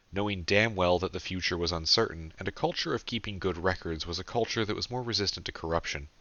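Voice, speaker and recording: A man narrates his own audiobook in a deep voice with a bright, forceful edge. He tells the story steadily and earnestly. The close, dry home recording sounds a little dull and lo-fi. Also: no echo.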